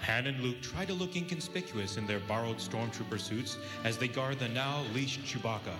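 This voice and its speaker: A man's voice: medium pitch, moderate pace, natural voice. A man playing the narrator of a space adventure, reading scripted radio drama narration. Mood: storytelling. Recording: loud music behind the voice.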